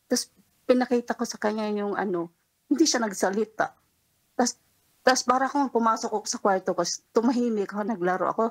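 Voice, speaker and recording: A woman's voice: a little high, brisk, poor audio. A woman calling in to a late-night radio show, telling a personal story in a rambling way, acting out the dialogue and breaking into nervous laughs. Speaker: caller.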